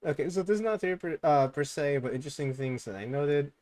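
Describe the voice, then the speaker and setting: Reading fan theories at a quick pace, a young man on a stream keeps his voice to a low mumble until he breaks into loud, excited outbursts.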